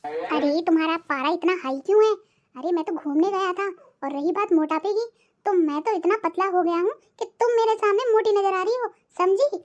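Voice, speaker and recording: Someone doing a squeaky high cartoon hubby, older guy, teasing and whiny, henpecked. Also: moderate pace. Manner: mocking, wheedling, complaining. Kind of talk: cartoon voice acting.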